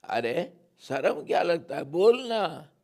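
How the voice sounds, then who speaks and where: This is mother Yashoda from a devotional tale, as a man acts her out. She coaxes and scolds in a raised, firm voice. The tone is gravelly. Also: medium pitch, lively intonation, a little slow, full character voice. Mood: coaxing. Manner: coaxing, then loud scolding.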